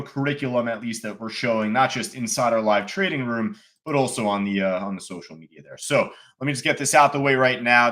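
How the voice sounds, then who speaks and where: A man's voice: medium pitch, sharp tone. A man casually commenting on live stock charts as a trading educator, chatty and self-deprecating. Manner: chatty, self-deprecating, fillers like "you know".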